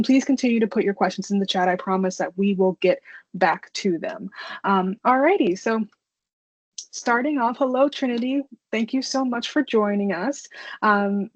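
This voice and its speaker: A woman's voice: medium pitch, no echo. A woman hosting a webinar, cheerful and encouraging as she moderates questions. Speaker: webinar host. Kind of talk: upbeat moderating. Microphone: video call. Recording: dry dull call audio.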